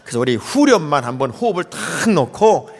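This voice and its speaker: A middle-aged man preaching in a large church, his pitch running high and swinging widely as he jokes with the congregation. He mimics regional speech for laughs, and his voice rings out with a long hall reverb. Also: brisk. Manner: lively, joking with the congregation, mimicking dialects. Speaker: pastor. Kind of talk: humorous sermon.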